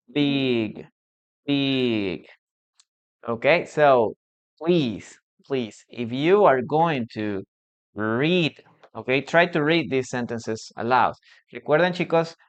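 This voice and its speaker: A slow, patient man with a smooth, medium-pitched voice teaches English in a live online lesson; his first language is Spanish. He repeats himself and checks understanding with frequent "okay?", and the stream audio is dull and lo-fi.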